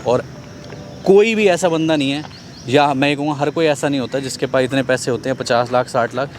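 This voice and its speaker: A man's voice: mid-range voice, fairly quick, slight background noise. A man presenting a car sales vlog in a conversational way, repeating key points for viewers.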